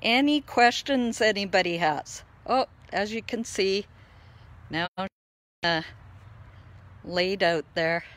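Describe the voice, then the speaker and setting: Woman, therapy dog handler, casual live-stream chat from a backyard, slow delivery. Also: mid-range voice, a bit bright. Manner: chats to viewers while playing with a dog. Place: outdoors in a backyard.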